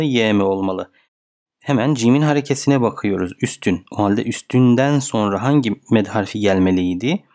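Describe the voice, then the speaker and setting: A man with a lowish, darkish voice teaches a reading lesson step by step. He is patient, asking questions and then answering them himself.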